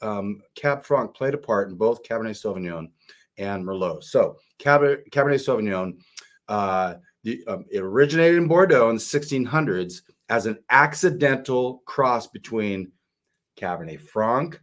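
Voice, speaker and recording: A man's voice: on the low side, expressive, a bit bright. A middle-aged man co-hosting a wine podcast, talking casually with many fillers and restarts. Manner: chatty, halting with many fillers. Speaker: podcast co-host. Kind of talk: casual wine-tasting chat.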